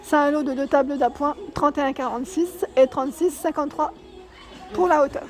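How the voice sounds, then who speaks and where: A woman with a high-pitched, brisk voice vlogs a walk through a furniture store. She reads out prices and sizes one by one in a steady list, correcting herself now and then.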